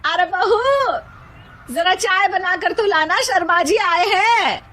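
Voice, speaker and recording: Cartoon mother-in-law, older played by a woman: high, slow, commanding, exasperated, melodramatic. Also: sharp tone, exaggerated voice. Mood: bossy.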